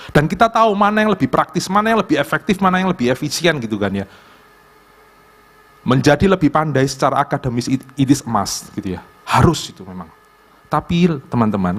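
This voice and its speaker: A man with an East Javanese accent, giving a conversational youth sermon in a church and acting out little dialogues. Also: medium pitch. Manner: animated, conversational, acts out dialogues. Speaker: pastor.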